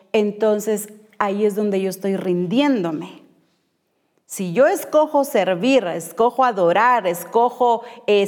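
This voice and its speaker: A woman preaches a sermon at an unhurried pace, pausing and repeating her main phrases for emphasis. Her voice sits in a middle register. The sound carries a long reverb, as in a church hall. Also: medium pitch, a little mellow.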